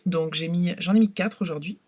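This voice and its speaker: A woman's voice: lowish voice, a little fast. A woman giving a casual tarot reading to camera, talking hesitantly with lots of fillers and restarts. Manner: hesitant, many fillers and restarts, soft-spoken. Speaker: tarot card reader.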